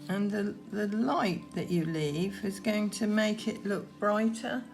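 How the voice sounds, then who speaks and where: A woman giving gentle, unhurried painting instruction, talking through her work as she goes, with trailing pauses. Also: medium pitch, faint music behind. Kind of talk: unscripted painting demonstration, talking while working.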